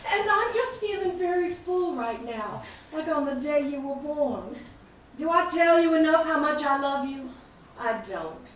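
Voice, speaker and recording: A weepy, doting Southern mother. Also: high voice. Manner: weepy, doting, gently apologetic. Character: tearful loving Southern mother at holiday dinner. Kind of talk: film drama dialogue. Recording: roomy distant mic, faint hiss.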